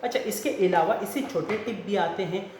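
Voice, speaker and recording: A man's voice: sits high, moderate pace. A man giving a casual, step-by-step tour of a research lab, filming on his phone. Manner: relaxed, repeats "theek hai na", explains step by step. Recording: very echoey lab room, faint hum.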